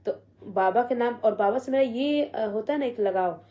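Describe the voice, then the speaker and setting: A young woman, retelling a painful family memory in a soft, halting way and quoting the voices of others. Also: a little high, highs cut off. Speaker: vlogger. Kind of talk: emotional personal storytelling.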